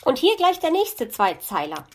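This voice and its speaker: A chattering, eager magpie lady from a children's audiobook, chirping up high and swooping through her lines with loud delight, as a woman reader puts her on. She gushes over every rhyme. The voice stays lively and sparkling throughout. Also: moderate pace, heavily acted. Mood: excited. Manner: gushing, bright and eager. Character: excitable chattering female magpie.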